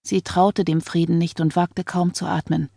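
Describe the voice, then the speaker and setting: A woman reading an audiobook novel in calm, measured storytelling. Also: lowish voice, gravelly, no room sound, studio quality. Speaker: audiobook narrator. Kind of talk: scripted narration.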